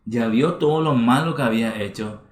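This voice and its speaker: A man's voice: mid-range voice, moderate pace. A man preaching a sermon as pastor, stressing his points by repeating phrases. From Paraguay. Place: church hall. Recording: roomy church livestream.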